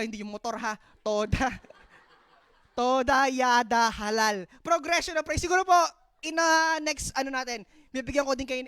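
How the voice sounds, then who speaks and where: A Filipino woman preaching a sermon, mixing in English, calling out "Amen" and swinging from loud exclaiming to hushed storytelling. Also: a little high, clean tone, dry recording. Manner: mixes English into her preaching, calls out "Amen".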